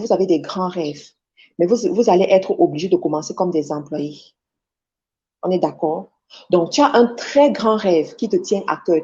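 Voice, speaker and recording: A woman's voice: mid-range voice, mellow. A woman giving a motivational sermon, exhorting her listeners directly and repeating her points. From Cameroon. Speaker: preacher and motivational speaker. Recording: dull lo-fi recording.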